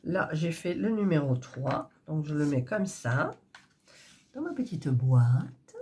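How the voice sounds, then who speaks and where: A woman's voice: deep voice, sing-song, takes it slowly, mellow, slight background noise. A woman with a stuffy nose, chatting in a rambling, casual way while preparing embroidery threads. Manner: chatty, rambling, with frequent fillers and restarts. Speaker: cross-stitch crafter vlogger.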